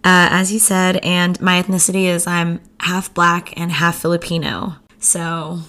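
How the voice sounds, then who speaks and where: A woman's voice: on the low side, level tone, measured pace, bright, forceful tone. Playful young woman, podcast guest. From California, USA. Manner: playful, teasing, laughs often. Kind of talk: casual chat.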